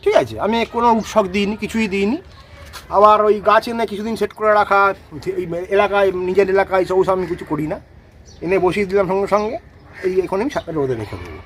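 A high, animated male voice, walking through garden care in quick, explanatory speech. He keeps checking that listeners follow along, over faint outdoor noise. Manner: explanatory, repeats "ঠিক আছে?" to check understanding. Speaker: rose gardening expert. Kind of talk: casual outdoor demonstration.

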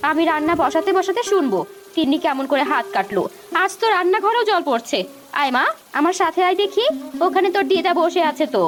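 Gentle cartoon mom, soothing, high voice. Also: female voice, expressive, a little fast, background noise. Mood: caring. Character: patient poor village mother, warm and caring. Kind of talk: cartoon voice acting.

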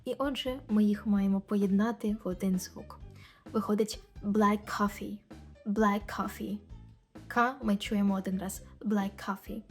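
Woman teacher slowly repeating practice phrases. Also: medium pitch, fairly even intonation, soft background music. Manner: slow and careful, repeating example phrases many times. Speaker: English teacher. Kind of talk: language lesson explaining pronunciation.

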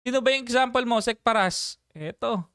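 Man, livestream host, casual chat, animated, laughs often, smooth clear voice, dry close sound. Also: very high-pitched, normal speed, no echo. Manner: animated and chatty, laughs often, reads viewer names aloud.

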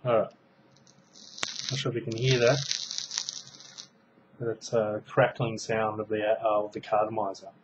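A man's voice: on the low side, flat delivery, moderate pace, pauses often, lo-fi sound, background noise. A man in his thirties casually demonstrating a gadget at home, rambling with many ums and restarts while his hands are busy. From Australia. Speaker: product reviewer. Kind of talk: casual show-and-tell review. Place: small room indoors at home. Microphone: webcam mic at close range.

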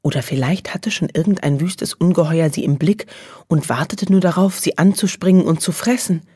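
A woman narrating a children's audiobook in a calm, even storytelling manner, recorded on a studio microphone. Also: lowish voice, normal speed, slightly rough, dry recording. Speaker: audiobook reader.

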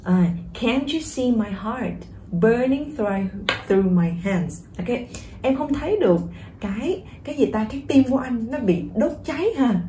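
A woman teaching English pronunciation through a song, with a very dark, mellow voice. She encourages her viewers and repeats each word slowly to show how it is said. The recording has a roomy echo. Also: fairly high pitch, lively intonation, a little hiss or hum.

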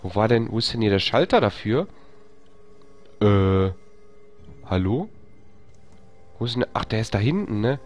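A man with a sing-song, slightly mellow voice speaks a little slowly and pauses often. In live let's play commentary on a horror game, he chats with viewers, whispers when sneaking, and screams and swears in high-pitched panic when attacked.

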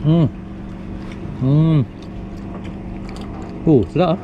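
Filmed by action camera on a wooden sea platform at night, a young man with a Malaysian Malay accent gives casual, upbeat fishing commentary, addressing viewers as guys. His slightly high voice is fairly even and extremely slow. The sound is phone-quality, with background noise.

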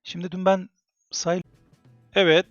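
A man live-streaming who swears heavily and rants at his chat in fast, exasperated outbursts. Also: sits high, completely flat delivery, no room sound, lo-fi sound, soft background music.

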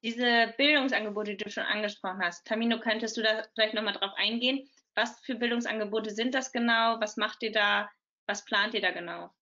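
A woman in her twenties hosts a podcast over a video call from home, asking friendly questions fairly quickly. Her voice sits on the high side with a sharp tone and fairly even intonation. The video call audio is dull and lo-fi.

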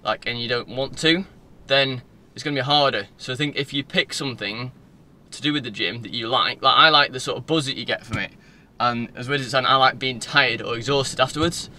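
Brisk and pushed, his bright mid-range voice leaves few pauses. This Northern English man in his twenties vlogs casually and digressively on a phone at arm's length in a car, faint interior noise audible.

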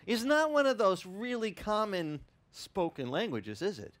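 Wearing a headset mic, a man in his fifties with an Italian-American upbringing preaches at an outdoor beach tent service. His voice is high and his pace a little slow, yet his sermon stays loose and animated, with restarts and asides to the crowd.

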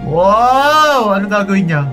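A man hosting a reaction video, commenting on an animation in an animated, alarmed way, yelping and calling out to his viewers. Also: sits high, measured pace. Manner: animated, yelps and shouts in alarm, addresses viewers as idols. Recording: music playing loudly behind.

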